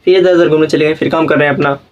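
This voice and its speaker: A man's voice: on the high side, fairly even intonation, rapid-fire, highs cut off. A young man teaching a school class, lecturing as he goes and checking again and again that his students follow, sometimes acting out the children and parents he talks about. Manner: asks "samjhe?" after nearly every point.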